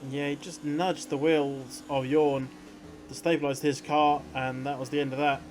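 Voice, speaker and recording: A man's voice: a little high, level tone, normal speed, faint music behind. A man working as a motorsport commentator, giving conversational analysis of the race. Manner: motorsport commentator explaining incidents and strategy.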